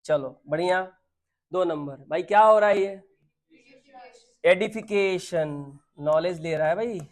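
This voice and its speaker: A man's voice: high voice, unhurried. Man teaching vocabulary, quizzing students. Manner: quizzing, checks understanding often; mixes English terms into Hindi speech. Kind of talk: classroom vocabulary lesson.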